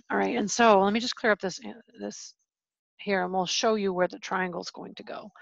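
A woman's voice: medium pitch, steady tone, moderate pace, gravelly, no echo, dull audio. A woman teaching a chemistry lesson over a screen recording from home, explaining in a casual, chatty way. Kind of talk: screen-recorded lecture walkthrough. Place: home, with pet dogs.

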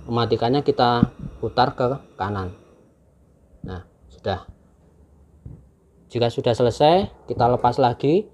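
A man calmly and patiently explaining, step by step, how to use a camping stove, recorded indoors with a camera mic above the table. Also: mid-range voice, a little slow, long pauses, a little hiss or hum. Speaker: channel host demonstrating a camping stove. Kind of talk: casual how-to demonstration.

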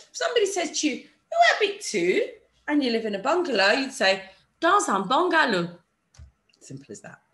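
A woman teaching an online French lesson, patiently modelling phrases slowly for learners to repeat. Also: on the high side, fairly bright tone. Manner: patient, encouraging teacher talk. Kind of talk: online language lesson with screen share.

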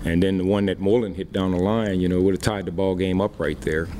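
Speaking into a desk microphone, a middle-aged baseball manager answers the press after the game in a plain, unhurried manner peppered with fillers. His male voice is low-pitched, steady, and warm, with slight background noise.

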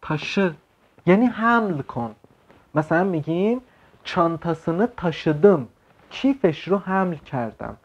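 A man teaching an online language lesson, explaining words slowly and checking in with quick questions. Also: sits high, very animated. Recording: slightly dull lo-fi sound.

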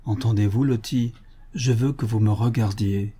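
A man voicing a sinister male hypnotist villain who gives low, slow, imperious commands. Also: dark tone, slightly rough.

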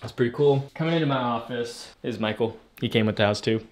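A man's voice: medium pitch, quick pace, noisy background. A young man giving a laid-back, joking tour of his rooms to viewers in a casual vlog, indoors. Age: young adult. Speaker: vlogger.

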